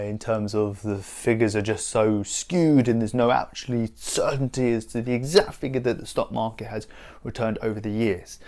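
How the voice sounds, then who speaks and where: A man's voice: lowish voice, a little mellow. A man in his thirties explaining investing casually to camera, rambling with frequent restarts. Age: 30s. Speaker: investing YouTuber.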